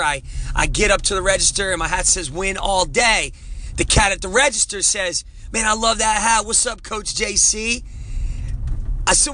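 A man's voice: high voice, bright, forceful tone, slight background noise. A man hosting a motivational show, talking with energy and casual slang as he urges listeners on. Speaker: motivational coach and show host. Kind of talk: upbeat motivational talk. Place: in a vehicle.

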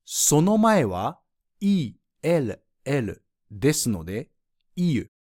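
A man's voice: mid-range voice, sing-song, takes it slowly, darkish tone. A man teaching French pronunciation in a scripted lesson, explaining the rules patiently and spelling out sounds one by one.

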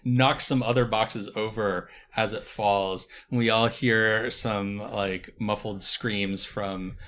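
A man casually narrating a tabletop role-playing game, haltingly, thinking aloud as he goes. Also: on the low side, steady tone, a bit bright. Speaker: game facilitator and player.

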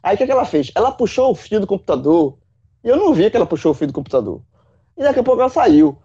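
A man, a football pundit in casual chat, animated, swearing and full of folksy analogies. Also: high voice, fast talker, husky, lo-fi sound. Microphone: remote call.

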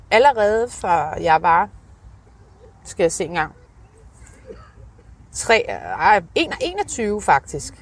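A woman with a slightly husky voice, telling a candid personal story in an interview in a hesitant, searching way with casual swearing. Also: lowish voice. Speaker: interview guest telling of own alcoholism.

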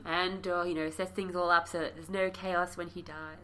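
A woman's voice: on the low side, flat delivery, normal speed, a bit bright. A woman co-hosting a casual history podcast with a wry, playful manner, her voice congested because she is unwell. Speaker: podcast co-host.

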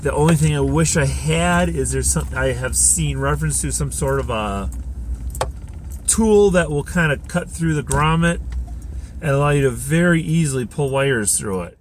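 A man's voice: a little high, expressive, normal speed, a little hiss or hum. A man hosting his own podcast, chatting casually and thinking aloud with lots of fillers while driving his car. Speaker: podcast host. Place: inside a car.

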